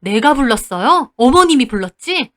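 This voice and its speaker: A middle-aged mother at the end of her patience, as a woman narrator acts her out, who argues sharply and confronts her in-laws. Her voice sits fairly high and swings widely from phrase to phrase. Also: big pitch swings, moderate pace, a bit bright. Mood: angry.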